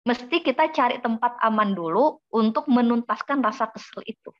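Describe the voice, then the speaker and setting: A woman with a fairly high voice gives a parenting talk, lively and conversational, asking her listeners questions and answering them. The sound is dull and lo-fi, like a webinar call. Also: normal speed.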